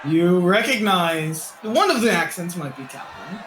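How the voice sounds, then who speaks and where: A man runs a tabletop game, narrating with animated energy. His voice is fairly high and bright. The echoey room makes it ring. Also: a little slow, a little hiss or hum. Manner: animated storytelling. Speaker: game master.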